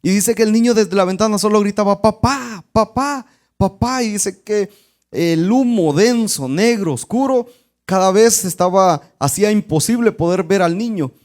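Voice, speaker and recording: A man's voice: high voice, normal speed, darkish tone. A male pastor preaching a sermon with earnest storytelling.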